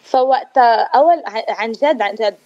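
A woman's voice: fairly high pitch, moderate pace, a little mellow, muffled recording. A Lebanese-accented actress chatting as a guest in a casual radio interview, slipping English words into her talk.

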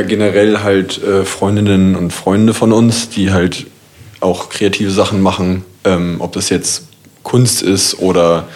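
A man speaking as a guest in a casual talk, calm and hesitant, with short answers and fillers. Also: low-pitched. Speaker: guest, designer. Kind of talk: casual interview chat.

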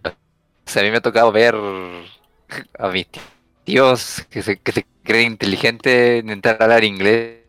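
A man's voice: lowish voice, fairly even intonation, measured pace, a bit bright, smooth, dry recording. A man joining a casual chat as a guest over a call, talking in a laid-back, amused, joking way. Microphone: call audio that cuts out.

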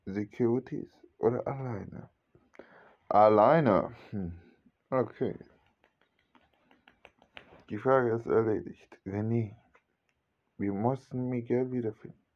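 A man narrating a homemade radio-play story, switching between narration and the characters' lines without strongly changing his voice. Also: lowish voice. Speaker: hobby storyteller voicing every character. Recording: dull lo-fi home recording.

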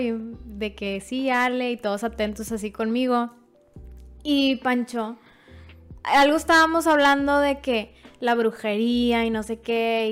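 A woman with a Mexican Spanish accent tells an anecdote as a podcast guest. Her voice is smooth and a little high, and her manner is easygoing and friendly. Faint music plays behind her. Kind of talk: casual storytelling chat.

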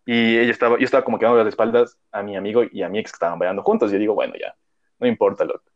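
A man's voice: fairly low pitch, fairly even intonation, very fast. A young man, telling a story in casual chat, rambling and full of slang and fillers. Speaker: podcast co-host. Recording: dull lo-fi audio.

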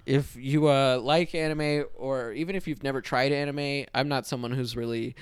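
A man's voice: medium pitch, fairly even intonation, normal speed, clean tone, no room sound. A man co-hosting a podcast, chatting casually and teasing his co-host. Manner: playful, teasing banter. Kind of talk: casual chat.

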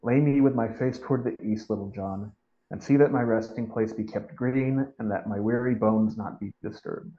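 A man reading as a gentle dying outlaw. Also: fairly low pitch, roomy sound, close to an everyday voice. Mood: tender. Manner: reading tender old-style dialogue slowly. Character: dying male outlaw hero, gentle and weak. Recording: dull lo-fi audio.

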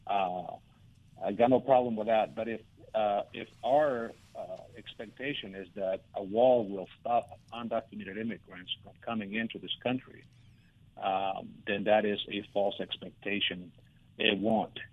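A man giving conversational interview answers as a guest, halting and often restarting his words. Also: fairly low pitch, fairly even intonation. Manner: halting, hesitant, many repeated starts. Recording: narrow phone-like radio line.

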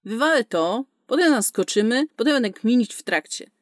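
A woman's voice: fairly high pitch, expressive, moderate pace, no room sound, clean studio sound, natural voice. A woman voicing a foul-mouthed, sarcastic young female space smuggler in a storybook reading. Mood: brash. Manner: cursing, sarcastic, tough.

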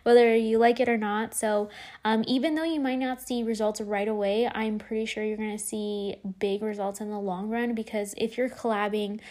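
A woman's voice: mid-range voice, steady tone, moderate pace, darkish tone. A young woman hosting a casual solo podcast, chatty and full of fillers and restarts, saying she is losing her voice. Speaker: podcast host.

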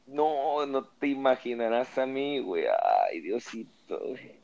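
A man in his thirties from Veracruz with a Veracruz Mexican accent, chatting casually in a loud, slangy way and laughing often. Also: medium pitch, animated, unhurried, dull audio. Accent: Veracruz Mexican Spanish. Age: 30s. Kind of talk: casual chat.

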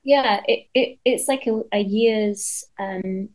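A woman songwriter talking in a casual interview, chatty and lively, with lots of fillers and restarts and the odd casual swear word. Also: medium pitch, slow pace, low-quality recording.

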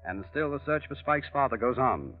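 An actor playing a solemn narrator, reading scripted narration for a 1940s radio drama. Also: male voice, medium pitch, big pitch swings, moderate pace, soft background music, natural voice. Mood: solemn, suspenseful. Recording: dull vintage radio recording.

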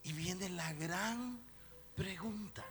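Pastor fervoroso, habla pausada, eco largo de iglesia. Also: male voice, high voice. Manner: impassioned, swings from shouting to hushed. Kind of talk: sermon. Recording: echoey hall with soft music.

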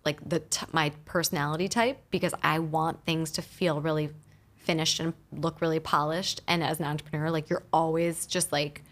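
Lots of "like" and lively pitch swings run through this woman's fast, loose talk. She's an entrepreneur being interviewed casually as a guest, in a recording studio with a studio microphone.

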